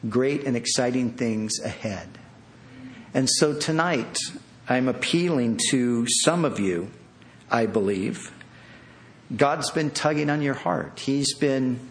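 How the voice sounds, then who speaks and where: A pastor with a mid-range male voice delivers a sermon to listeners gathered in a church hall. He pleads earnestly, circling back over phrases and restarting as he goes.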